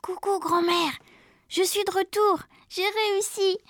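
A man voicing a small boy who has become a mouse, speaking slowly in a squeaky voice. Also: fairly even intonation, fairly bright tone, no room sound, studio quality. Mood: relieved.

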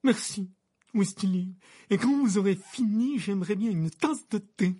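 A woman's voice: medium pitch, a little slow, warm tone, lightly acted. A woman voicing a deranged middle-aged male wizard official who rambles in broken, confused speech in an audiobook. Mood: dazed, formal. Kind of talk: audiobook character reading.

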